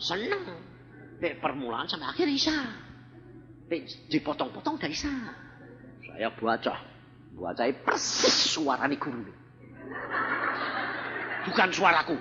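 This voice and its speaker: A man's voice: fairly high pitch, big pitch swings, slow, pauses often, sharp tone. An older man with a Javanese accent, an evangelist telling a testimony in a sermon, blunt and acting out the voices in his stories. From Central Java, Indonesia. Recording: reverberant hall, dull lo-fi sound.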